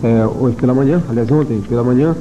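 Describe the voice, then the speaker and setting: A male TV news host, interviewing a guest with brisk, probing questions, heard from an old VHS tape. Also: medium pitch, muffled recording, background noise. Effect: old VHS tape recording.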